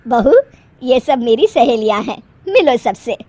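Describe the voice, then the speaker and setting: A woman voicing a bossy, easily offended middle-aged mother-in-law in a cartoon, scolding loudly. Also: a little high, lively intonation, a little slow, no room sound. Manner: scolding, loud. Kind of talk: cartoon voice acting.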